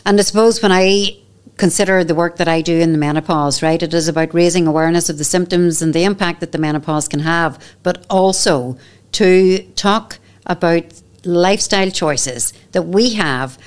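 A woman's voice: on the low side, moderate pace, clean tone. A woman in her fifties with a Northern Irish accent, speaking as a podcast guest in a candid, emphatic way and repeating key phrases. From Northern Ireland. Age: 50s. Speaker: podcast guest, menopause educator. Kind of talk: candid conversational interview. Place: studio set with armchairs. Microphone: boom microphone on stand.

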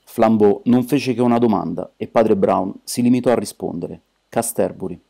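A man reads an amateur audiobook with steady, measured delivery. His voice sits low. The tone is dark and mellow. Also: gravelly. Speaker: audiobook narrator.

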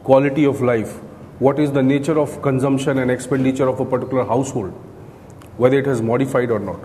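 A middle-aged coaching lecturer with an Indian accent stands at a podium beside a screen in an indoor classroom, explaining things point by point and often checking in with "right?". His medium-pitched voice is mellow, fast, and fairly even in intonation. The room echoes, with clear background noise.

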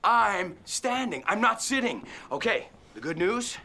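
A man's voice: high-pitched, sing-song, slow pace, gravelly, sharp tone, exaggerated voice. An actor playing a boastful, showy male fitness character who teaches English phrases. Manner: brash, showy, blows kisses. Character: boastful male fitness showman, loud and upbeat.

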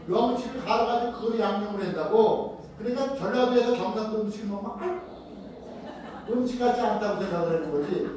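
High-voiced priest lecturing in an echoing hall. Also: male voice, a little mellow, far from the mic, slight background noise. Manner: asks the audience questions and answers them himself. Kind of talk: retreat lecture to a live audience. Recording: very echoey hall, recorded from afar.

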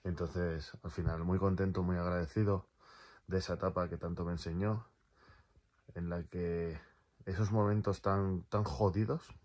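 A man's voice: deep voice, little pitch movement, normal speed, darkish tone. A man rambling casually through a personal vlog, repeating words and swearing freely, in pain from a torn calf. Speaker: vlogger.

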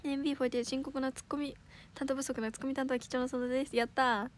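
A teenage girl from Osaka with a Kansai accent chats on a livestream in a high, bright voice. She is giggly and quick to correct herself. A faint hiss sits under the recording. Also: flat delivery. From Osaka, Japan. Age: teens. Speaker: idol livestream host. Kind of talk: casual livestream chat reading comments.

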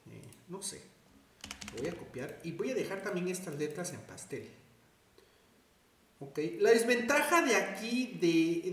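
A man giving a chatty design tutorial, thinking aloud and correcting himself as he works. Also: high-pitched. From Mexico. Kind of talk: screen-recorded tutorial. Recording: very echoey room.

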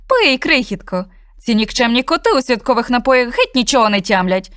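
A spiteful, scheming storybook witch, played by a woman reader, savouring every slow, menacing word. She sits a little high, her pitch swinging widely as she gloats. The sound is close and dry. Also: sing-song, fairly bright tone, clear, resonant tone, no room sound. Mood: coaxing.

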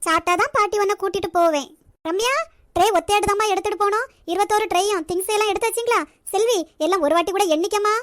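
A woman's voice: very high-pitched, quick pace, fairly bright tone, no room sound, studio quality. A woman voicing an affectionate elderly grandmother in a cartoon, bossy and doting as she runs the family. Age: older. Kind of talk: cartoon voice acting.

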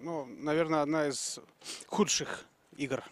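A man in his thirties conducting post-match interviews outdoors into a handheld microphone, phrasing his questions a bit haltingly. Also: a little high, fairly even intonation, slight background noise. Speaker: sports interviewer. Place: outdoors at a football stadium.

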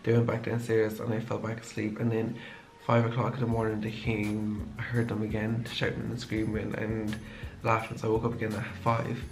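Young male student vlogger, gravelly and monotone, tired, rambly storytime. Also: fairly low pitch, normal speed, music in the background. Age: young adult. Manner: rambling, heavy use of "like". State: tired from lack of sleep. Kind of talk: casual storytelling vlog. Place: home kitchen, indoors.

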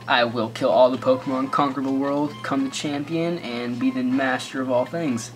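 An American man with a mid-range voice and fairly even intonation talks at a normal speed through goofy, rambling let's play commentary. He keeps joking and tossing in sarcastic asides while faint game music plays behind him.

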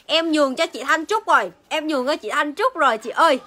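A woman's voice: sits high, a little fast, bright, forceful tone. A young woman selling on a phone livestream in an indoor shop, chatting casually to viewers and repeating her phrases. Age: young adult. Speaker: livestream seller. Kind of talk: casual live sales chat. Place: indoor beauty shop room. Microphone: phone at arm's length.

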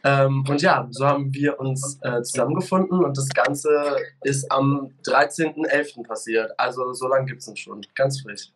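A man's voice: medium pitch, moderate pace, fairly bright tone, slight background noise, low-quality recording. A young man from the Eifel interviewed over a video call, explaining with hesitant fillers. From Eifel, Germany. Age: young adult. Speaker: band member guest. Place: apartment room.

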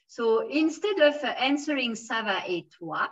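A woman's voice: fairly high pitch, expressive, normal speed, dull audio. A woman with a French accent teaching a beginners' French lesson, patiently modelling phrases and encouraging her students.

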